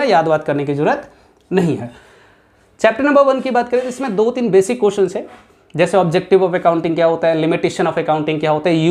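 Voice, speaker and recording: A man's voice: high voice, darkish tone. Emphatic Hindi-speaking accounts teacher, man. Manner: emphatic, repeats key points, talks straight to students; mixes English accounting terms into Hindi. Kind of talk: exam-prep lesson to students.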